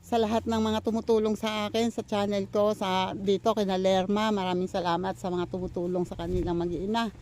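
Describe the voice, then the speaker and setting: A woman's voice: medium pitch, level tone, a little fast, few pauses, darkish tone, slight background noise. An older woman vlogging outdoors in the countryside, out of breath from walking and rambling with fillers as she thanks her supporters. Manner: rambling, many fillers and restarts while walking. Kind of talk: casual vlog thank-yous and chat.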